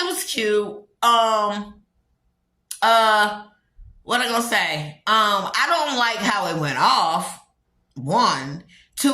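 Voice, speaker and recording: A woman's voice: fairly high pitch, sharp tone. A woman giving a blunt, profane, casual gossip recap of reality TV shows. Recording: echoey room.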